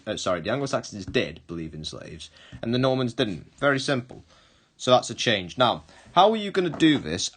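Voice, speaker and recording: A man's voice: fairly low pitch, a bit bright. A male history teacher giving a recorded online lesson, explaining step by step, rephrasing and correcting himself as he goes.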